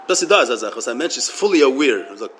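Fast, halting man. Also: mid-range voice, big pitch swings, a bit bright, a little hiss or hum. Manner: halting, repeats words and restarts. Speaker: religious teacher. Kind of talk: Torah lecture.

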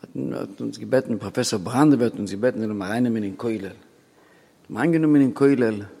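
A man telling a rambling personal story, halting with many restarts and pauses, sometimes dropping to a quiet mutter, with a long echoing reverb on the recording. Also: medium pitch, gravelly, husky.

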